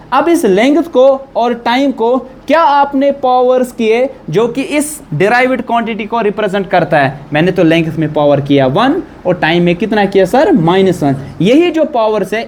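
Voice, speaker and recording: Man teaching physics, quizzing a class. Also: high voice. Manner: quizzing students with questions. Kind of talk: classroom lecture.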